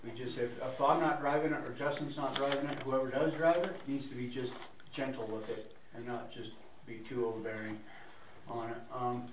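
A man's voice: mid-range voice, steady tone, brisk. A man giving an informal, rambling report at a meeting, with frequent restarts and fillers. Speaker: staff member reporting at a meeting. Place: meeting room. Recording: echoey room, distant mic, background noise.

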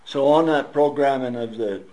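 A man chairing a meeting, speaking in a halting way with many fillers. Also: mid-range voice, mellow, rough recording. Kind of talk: running a meeting.

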